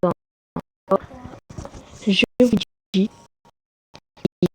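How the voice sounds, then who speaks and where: A gamer doing casual let's play commentary, reacting out loud and exclaiming in frustration at the game. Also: mid-range voice, drawn-out words, a little hiss or hum. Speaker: gamer commentating own gameplay for viewers.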